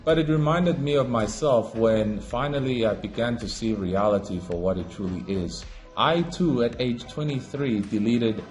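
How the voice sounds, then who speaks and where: An African man, speaking as an online commentator, delivers an impassioned, preachy monologue with strong emphasis. His slightly mellow voice swings between raised declarations and low muttering.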